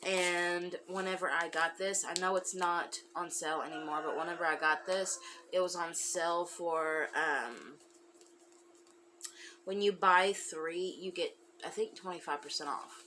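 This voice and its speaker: A woman's voice: lowish voice, steady tone, unhurried, bright, forceful tone, slight background noise, low-quality recording. A woman hosting a crafting podcast, chatting casually with lots of fillers, and sounding a bit congested. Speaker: podcast host. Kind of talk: casual chat.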